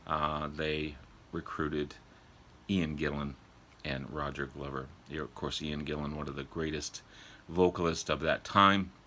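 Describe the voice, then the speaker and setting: A man with an extremely deep voice and a forceful, bright edge talks casually to his viewers as a vlog host. He has a sore throat from a cold, so his delivery is halting and throat-clearing. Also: a little hiss or hum. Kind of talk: casual chat to viewers about records. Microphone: older phone.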